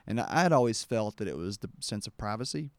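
Gravelly, deep-voiced male podcast host. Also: animated, a little fast, no room sound. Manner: rambling, with many restarts and acted-out quotes. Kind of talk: casual storytelling conversation.

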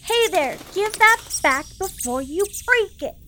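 A man's voice: very high-pitched, expressive, a little slow, sharp tone, a little hiss or hum, pitched above the performer's own voice, full character voice. A man reading a storybook voices a stubborn, pouty young girl lost in a forest. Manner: petulant, whiny.

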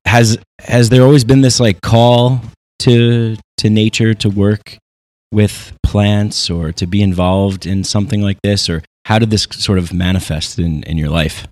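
Male interviewer, lowish voice, relaxed and conversational. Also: measured pace, dry recording. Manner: curious, conversational questioning. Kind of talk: interview questions.

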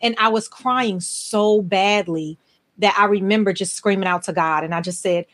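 A woman's voice: medium pitch, normal speed, a bit bright. Earnest woman podcast host in her forties. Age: 40s. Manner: earnest, emphatic storytelling. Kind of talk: conversational interview.

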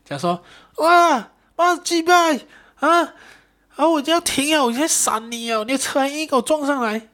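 A man voicing a furious young motorcyclist who has been hurt and keeps shouting the same complaint. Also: very high-pitched, huge pitch swings, slow, pitched above the performer's own voice, exaggerated voice. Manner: shouting, insistent, swearing.

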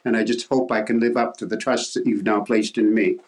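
An older Canadian man, a guest on an interview show, telling a story in a halting way with repeated words. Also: lowish voice, little pitch movement. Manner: halting, repeats words, acts out quoted voices.

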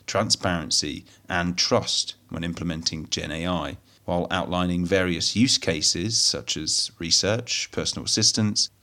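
Male news presenter, low-pitched, scripted read with a steady, measured cadence. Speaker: host of a technology news roundup.

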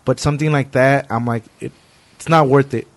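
A man's voice: medium pitch, fairly even intonation, brisk, no room sound. A man hosting a podcast, talking casually and earnestly in informal, slangy language. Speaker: podcast host. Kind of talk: casual conversation.

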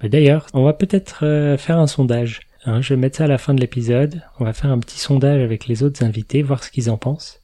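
A man's voice: mid-range voice, fairly even intonation, brisk, few pauses, mellow. A man hosting a podcast in a casual, explanatory chat, laughing now and then at his own remarks. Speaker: podcast host.

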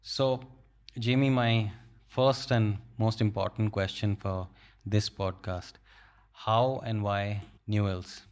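A man's voice: lowish voice, fairly even intonation, slow. A man hosting a podcast, asking his guest questions in a casual, conversational way. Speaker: podcast host.

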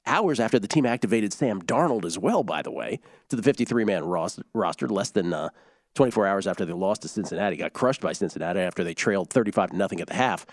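A man's voice: low voice, animated, fast, dry recording, clean studio sound. A man co-hosting a sports betting show, chatting casually and joking while he rattles off scores, odds and team news.

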